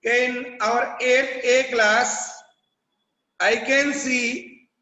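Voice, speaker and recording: Slow, high-voiced Indian teacher in an echoey classroom. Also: male voice, steady tone, pushed and bright. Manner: slow, repetitive dictation, addressing children. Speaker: school teacher. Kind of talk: classroom lesson, mixing Hindi and English. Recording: echoey classroom, far from mic.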